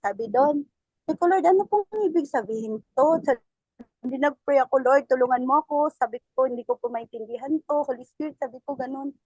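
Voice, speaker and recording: A woman gives a personal testimony at church in a high voice, talking to the pastor with halting phrasing and frequent restarts. Her tone stays respectful throughout. The sound is dull and lo-fi, with no room echo. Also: darkish tone, slightly rough. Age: adult parent. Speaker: church member giving testimony.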